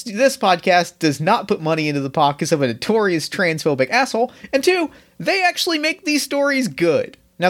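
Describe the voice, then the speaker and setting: A man's voice: high voice, fairly bright tone. A man hosting a podcast, talking in an enthusiastic, effusive and informal way as he introduces the show. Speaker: podcast host. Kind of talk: casual podcast introduction and interview.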